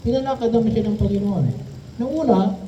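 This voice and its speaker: Man, priest, homily, fairly high voice, dull distant recording, faint crickets. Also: dark tone. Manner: pauses often with tag questions. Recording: echoey room from a distance, dull sound, faint noise.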